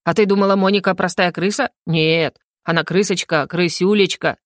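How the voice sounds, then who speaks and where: A woman's voice: lowish voice, fairly even intonation, moderate pace, dry recording, studio quality, natural voice. Yo-Yo, a woman voicing a sulky little hedgehog. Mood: chatty. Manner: snorts "pfu" between phrases. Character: small grumpy male hedgehog, fond and sulky.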